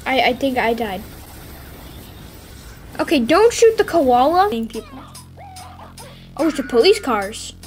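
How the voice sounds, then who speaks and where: A woman giving playful, excitable commentary while playing a game, squealing and yelping whenever things go wrong. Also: sits high, unhurried, long pauses, faint music behind. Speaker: gameplay streamer.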